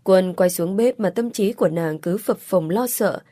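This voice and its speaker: A woman narrating an audiobook story in an even, measured way. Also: medium pitch, no room sound, studio quality. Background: faint music.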